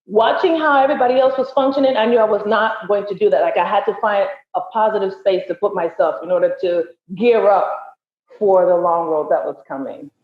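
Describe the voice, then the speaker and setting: A woman's voice: medium pitch, fairly quick. A woman, an entertainer, talking as a podcast guest in an articulate, emphatic way. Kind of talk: casual interview chat. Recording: echoey, dull lo-fi sound.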